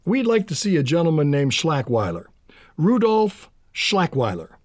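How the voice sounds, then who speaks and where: A man's voice: on the high side, huge pitch swings, unhurried, dry recording, clean studio sound, exaggerated voice. A middle-aged actor playing a blunt, plain-spoken small-town father in an audio drama.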